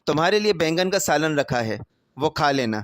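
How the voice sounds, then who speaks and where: A man's voice: a little high, lively intonation, a bit bright, dry recording, clean studio sound. A man voicing a curt domineering mother. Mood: scolding. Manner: scolding, curt. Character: domineering mother who favors one son.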